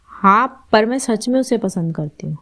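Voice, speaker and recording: A woman voicing a soft-spoken, tearful teenage girl in a storybook reading. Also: fairly high pitch, animated, normal speed. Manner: soft, apologetic.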